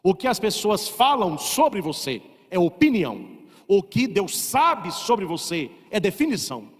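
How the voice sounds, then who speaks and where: Brazilian priest, emphatic sermon voice, fairly high, long hall reverb. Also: male voice, sing-song, measured pace, husky. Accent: Brazilian Portuguese. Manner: emphatic, repeats rhetorical questions.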